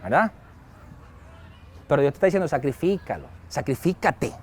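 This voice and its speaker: A man preaching a sermon as pastor, lively and acting out quoted dialogue. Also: fairly high pitch, normal speed, a little hiss or hum. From Venezuela. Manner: lively, acts out quoted dialogue and chuckles often.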